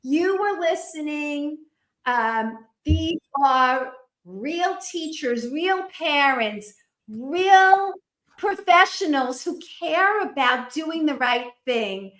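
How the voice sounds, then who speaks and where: A woman co-hosting a podcast in a conversational way, setting out her thoughts deliberately, phrase by phrase. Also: sits high, expressive, a bit bright. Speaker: podcast co-host. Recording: roomy, echoing sound.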